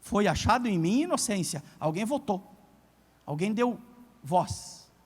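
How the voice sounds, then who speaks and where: A male preacher, preaching a sermon in a lively storytelling way and speaking straight to the congregation. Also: sits high, unhurried, breathy edge. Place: church. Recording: long church hall reverb.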